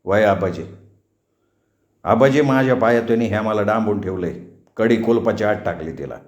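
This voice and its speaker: A man's voice: on the low side, normal speed, natural voice. A proud young villager from a storybook, voiced by a man, intense and defiant. His voice rings in a roomy space. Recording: roomy echo.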